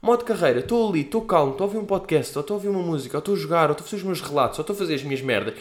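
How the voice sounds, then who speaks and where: Young man in his twenties, European Portuguese accent, podcast host at his home mic; lively pitch swings, loose and swear-heavy, mimics others mid-story. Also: very fast. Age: 20s. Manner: animated, slangy and profane, acts out quoted people. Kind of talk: casual solo podcast monologue. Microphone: podcast microphone.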